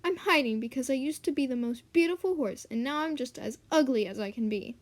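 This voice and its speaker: A woman's voice: high voice, brisk, natural voice. A woman voicing a vain, sulky horse. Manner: pouting, self-pitying.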